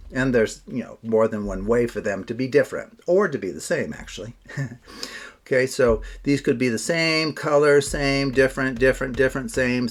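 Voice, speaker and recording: Guy doing card magician patter, chatty, kinda self-deprecating, talking right to whoever's playing along, medium pitch. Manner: talks as if to a participant.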